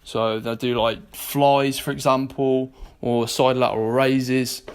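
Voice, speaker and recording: A man's voice: mid-range voice, flat delivery, slow pace, smooth. Blunt, sweary British man vlogging. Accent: British English. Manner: blunt, sweary and jokey, talking straight to viewers. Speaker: vlogger and personal trainer. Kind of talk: casual vlog chat. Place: gym, indoors.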